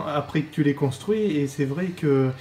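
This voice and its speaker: Higher-voiced man in an echoey room. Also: unhurried, dark tone. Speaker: co-host presenting toy figures. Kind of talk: casual chat, product review. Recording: echoey room, music behind.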